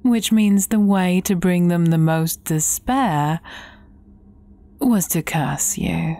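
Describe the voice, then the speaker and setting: In a fairy-tale audio drama, a woman voices an evil fairy sorceress who gloats and taunts with cold menace, deliberate in her delivery and often sinking near a whisper. Her voice is lowish and dark-toned.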